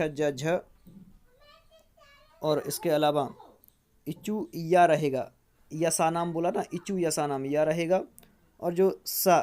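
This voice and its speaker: A teacher giving an exam-prep grammar lecture, asking and answering their own questions and repeating each rule slowly so students can memorize it. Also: medium pitch, a little mellow.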